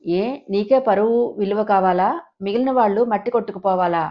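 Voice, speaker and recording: A woman's voice: medium pitch, a little fast, lo-fi sound, close to an everyday voice. A woman voicing a stern older husband rebuking his wife. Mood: reproachful. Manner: sternly reproachful.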